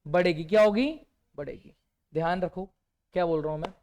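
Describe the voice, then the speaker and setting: A man teaching a revision class keeps posing rhetorical questions to his students, often answering them himself with a quiet single word. His voice is high and brisk, with a slight hiss or hum.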